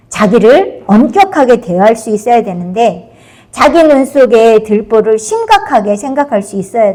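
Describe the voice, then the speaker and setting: A woman's voice: medium pitch, darkish tone. A woman preacher at a prayer house gives a sermon-style study of a book, explaining patiently, often affirming her points and acting out the quoted lines. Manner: dramatizes quoted speech in the story.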